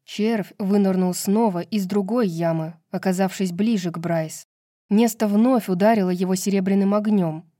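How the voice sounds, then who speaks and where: A woman narrating a fantasy novel in an even, measured reading. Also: medium pitch, no echo, studio quality. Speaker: audiobook narrator. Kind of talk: scripted narration.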